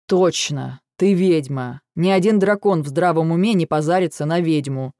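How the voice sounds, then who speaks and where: A man voicing a weary, dry-witted male dragon in an audiobook, with a gravelly, restrained delivery. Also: a little high, moderate pace, a little mellow, no echo, natural voice. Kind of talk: audiobook dialogue reading.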